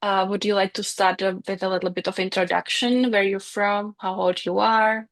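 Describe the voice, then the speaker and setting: A woman's voice: mid-range voice, little pitch movement, normal speed. A woman hosting an interview podcast, asking brief, polite questions. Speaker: podcast host.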